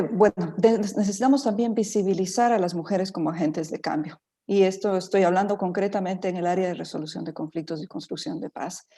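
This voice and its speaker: A woman's voice: medium pitch, warm tone. A middle-aged woman from Ecuador speaking as a panelist in an online talk, thoughtful, with many fillers and restarts.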